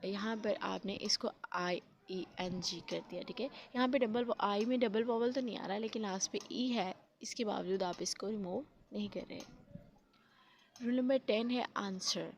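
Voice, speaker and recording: A woman teaches spelling rules in a patient, step-by-step way, her voice at an ordinary middle pitch. She mixes English terms into her explanations. A faint hiss of noise sits behind her. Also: measured pace, highs cut off.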